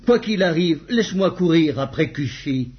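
A man reading the lines of an eager young male messenger in a husky voice. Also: on the high side, animated, moderate pace. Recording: dull lo-fi recording.

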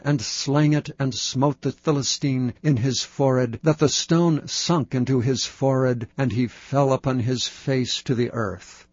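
A man giving a steady, measured, solemn scripture reading. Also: medium pitch, no room sound, muffled recording. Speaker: Bible reader.

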